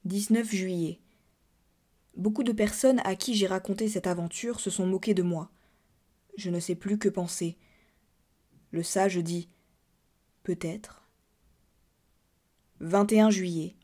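A woman narrating a classic French story aloud in a measured, subdued and expressive reading. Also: mid-range voice. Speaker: reader. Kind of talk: literary audiobook narration.

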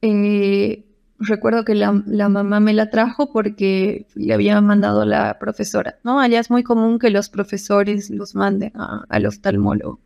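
A woman's voice: medium pitch, level tone, moderate pace, vocal fry, darkish tone, muffled recording. A woman from Bolivia, an eye doctor, telling clinic anecdotes in a casual interview, full of fillers and acted-out quotes. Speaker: ophthalmologist guest.

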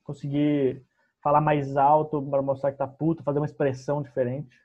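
A young man speaks in a calm, understated way as he tells his story. His voice sits a little high. The recording sounds dull and lo-fi. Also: normal speed. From southern Brazil. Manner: relaxed, soft-spoken storyteller. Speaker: stand-up comedian guest. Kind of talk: casual podcast conversation.

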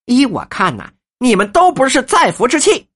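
A woman voicing a fierce, sharp-tongued older wife in a storybook reading, lecturing with scorn. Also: sits high, wildly swooping pitch, normal speed, husky, pitched above the performer's own voice, heavily acted. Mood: scornful.

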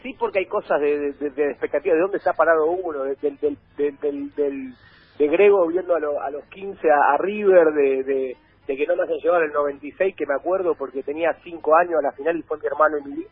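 A man's voice: on the high side, a little fast, breathy edge, dry recording. A man with an Argentine accent telling long stories as a guest in a casual chat, rambling with many restarts. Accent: Argentine Spanish. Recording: dry phone-like sound.

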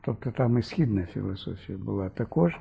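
Gravelly, husky older man lecturing. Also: on the low side, expressive, a little fast, lo-fi sound. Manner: thoughtful, fond of asides and 'да?' checks. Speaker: philosophy lecturer. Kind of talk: conversational discussion.

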